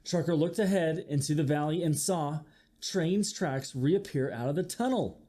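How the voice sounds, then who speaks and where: A man speaking at a moderate pace in a fairly high voice gives an animated reading of a children's picture book. He takes a teacher's approach, expressive throughout, sounding out effects and putting questions to the young listeners.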